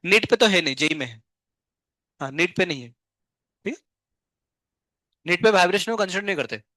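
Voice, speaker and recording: Physics teacher guy, high-ish voice, asks then answers his own questions, dry sound. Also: animated, bright, forceful tone, dry recording. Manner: asks questions and answers them himself, then slowly dictates notes. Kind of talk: classroom lecture. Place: classroom.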